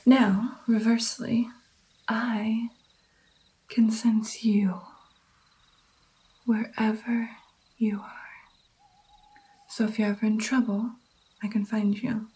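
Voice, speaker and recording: Woman acting as a gentle female vampire, ASMR roleplay, breathy whisper, slightly high, slow pacing, patient and encouraging. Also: rough recording. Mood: softly instructive. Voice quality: soft, breathy, mostly whispered. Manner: slow, coaxing, encouraging with pauses. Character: gentle female vampire patiently training her new darkling. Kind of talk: ASMR personal attention roleplay.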